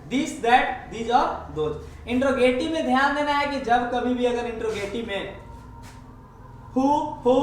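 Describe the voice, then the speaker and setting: A man teaching an English grammar lesson, explaining step by step and repeating each example slowly. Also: very high voice. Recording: echoey room, far from the mic, faint hiss.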